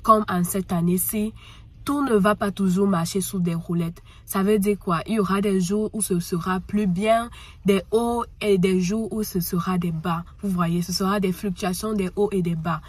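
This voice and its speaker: A woman with a cold gives an earnest motivational talk, speaking straight to the listener as tu and repeating her points. Her mid-range voice stays steady at normal speed, darkish with a breathy edge, and there's no room sound.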